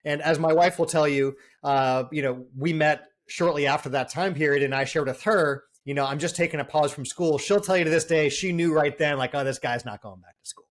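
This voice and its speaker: A man in his forties from the Boston area, a guest on a podcast, telling his story in a quick, chatty way. His voice sits a little high for a man, and his sentences are full of casual fillers. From Boston area, US East Coast. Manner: fast-talking, storytelling, many fillers. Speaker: entrepreneur guest. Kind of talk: casual interview.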